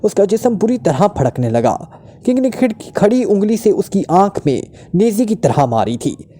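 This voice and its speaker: A man reads out a crime thriller in a steady, dramatic narration. His voice is dark and mellow, pitched slightly high. The pace is even, with no strain. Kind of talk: scripted story narration.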